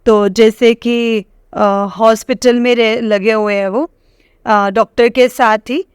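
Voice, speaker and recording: Hesitant woman, smooth high voice. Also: steady tone, takes it slowly, no echo, clean studio sound. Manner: hesitant, full of fillers and restarts, often addressing the listeners directly. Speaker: devotee sharing a personal experience. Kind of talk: personal testimony to a congregation.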